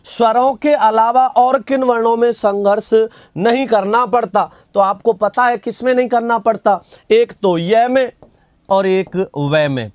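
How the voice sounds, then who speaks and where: A man's voice: very high-pitched, unhurried, a little mellow, dry recording, studio quality. A man teaching an online grammar class, asking questions and answering them himself, repeating key terms and reading out viewer comments. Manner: reads out viewer comments and replies.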